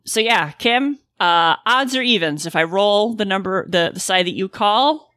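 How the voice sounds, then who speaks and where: Female game master, informal tabletop narration. Bright voice, close dry sound. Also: medium pitch, a little slow, dry recording.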